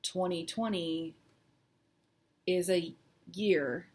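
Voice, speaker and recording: A woman vlogger chatting casually and personally, halting and hesitant with long pauses, sounding shaky and close to tears. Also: lowish voice, a little mellow, slightly rough. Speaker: cross-stitch vlog host. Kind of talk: casual personal chat to camera.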